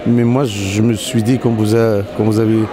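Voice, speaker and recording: A man's voice: on the low side, flat delivery, moderate pace, over music. A man from Morocco, speaking in an interview with many fillers and restarts. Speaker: interviewee, company CEO. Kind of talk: casual interview conversation. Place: outdoors in a city.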